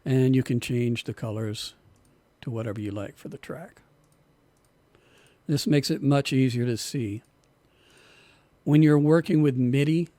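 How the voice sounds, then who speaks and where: A man teaching an online music production class in a relaxed way, often repeating himself as he explains, and losing his voice. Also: mid-range voice, dry recording.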